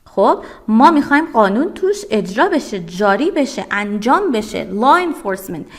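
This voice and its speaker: This is a woman with a somewhat high voice, teaching vocabulary in a recorded online lesson. She speaks with a Persian accent and works through each word step by step. She asks questions, answers them herself, and says the English terms slowly and clearly. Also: very animated. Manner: drills English words, slowly and clearly spoken.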